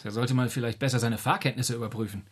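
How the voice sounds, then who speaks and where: A man's voice: medium pitch, steady tone, fast talker, lightly acted. A man playing a pedantic, smug, know-it-all father in a radio comedy sketch. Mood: lecturing. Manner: lecturing, smug, over-precise. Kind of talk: scripted radio comedy acting.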